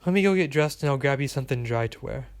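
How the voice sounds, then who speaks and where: A man voicing a kind, cheerful young woman in an audiobook, raised a few notes above his own gravelly voice. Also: medium pitch, animated, fast talker, close to an everyday voice. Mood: friendly.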